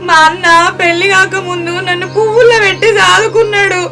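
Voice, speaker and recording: A woman's voice: very high-pitched, steady tone, brisk, bright, forceful tone, full character voice. A middle-aged woman playing a grieving widowed village mother, weeping and lamenting in a Telangana Telugu accent. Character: widowed village mother, older, mourning her brother. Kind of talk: village family drama acting. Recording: music playing behind.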